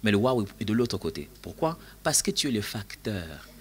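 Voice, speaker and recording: A man preaching a sermon at a church retreat, telling a personal story and shifting between hushed and loud passages. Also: lowish voice, big pitch swings, normal speed.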